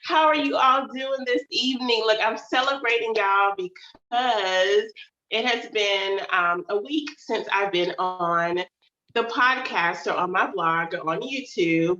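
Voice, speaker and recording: An author who hosts her own channel chats casually with her audience during a livestream, calling them "y'all" and sounding a bit nasal from a stuffy nose. Her medium-pitched voice is a little slow with a sharp tone, and the recording is roomy and muffled.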